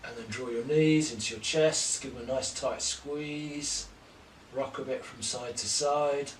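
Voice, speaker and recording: A man teaching a yoga class, calmly and slowly guiding breathing and poses. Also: medium pitch, a little hiss or hum. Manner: slow, gentle, calm cueing of breath and poses. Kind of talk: guided yoga class instruction. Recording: roomy echo, distant mic, faint ambience.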